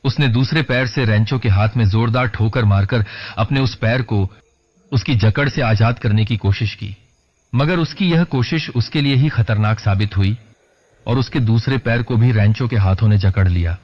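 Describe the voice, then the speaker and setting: Male horror storyteller, low voice, dramatic measured delivery, dull lo-fi sound. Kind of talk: scripted horror narration. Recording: lo-fi dull recording.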